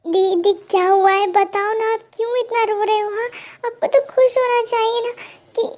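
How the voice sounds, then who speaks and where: A caring younger brother coaxes his sister in a worried, very high voice, as a young woman puts him on. The home recording sounds dull and lo-fi. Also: fairly even intonation, normal speed, over music. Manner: coaxing, worried. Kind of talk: dramatic fan-dub voice acting.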